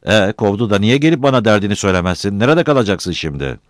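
A man's voice: on the low side, expressive, quick pace, no room sound, studio quality, pitched above the performer's own voice, natural voice. A man doing a bossy village headman. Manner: bossy, patronizing. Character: village headman, self-important middle-aged man.

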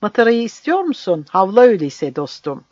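A man voicing a cruel, mocking soldier who shouts and taunts, on a dull, dry recording. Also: sits high, very animated, brisk, no room sound, voice pushed up. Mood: taunting. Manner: jeering, shouting.

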